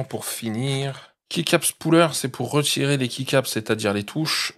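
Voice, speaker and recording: A man hosting a tech channel, chatting casually through a product review and explaining each step, often checking in with his viewers. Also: mid-range voice.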